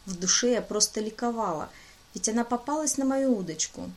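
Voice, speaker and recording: A woman's voice: fairly high pitch, fairly quick, a little mellow. A woman narrating a fantasy romance audiobook in the first person, lightly voicing the dialogue.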